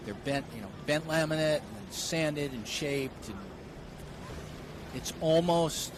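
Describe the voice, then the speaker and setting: A man's voice: on the high side, takes it slowly. An American man chatting as co-commentator in conversational live sports coverage. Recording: clear outdoor vehicle noise behind.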